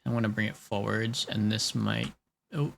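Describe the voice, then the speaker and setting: Drawing on a live stream, this late-twenties man rambles to his chat and laughs a lot. He speaks at normal speed with a fairly low, gravelly voice and flat delivery, and there's slight hiss or hum behind him.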